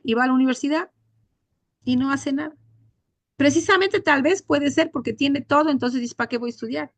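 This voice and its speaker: Woman teacher, earnest and indignant, a bit high, dry sound. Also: no room sound. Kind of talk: online class lecture. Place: home.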